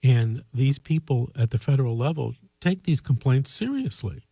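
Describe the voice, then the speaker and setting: A man hosting a call-in show, giving earnest legal advice in a measured, conversational way. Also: mid-range voice, expressive, creaky, mellow, breathy edge, no room sound.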